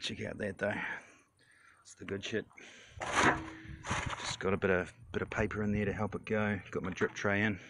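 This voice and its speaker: A man in his forties with a low voice and a broad Kiwi accent talks casually into a handheld phone. He is laconic and slangy, with swearing thrown in. Heavy noise runs through the recording. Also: flat delivery, normal speed, pauses often. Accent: broad New Zealand. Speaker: vlogger. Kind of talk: casual phone vlog chat. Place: mostly outdoors, some in a car. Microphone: handheld phone at arm's length. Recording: wind and traffic noise on phone mic.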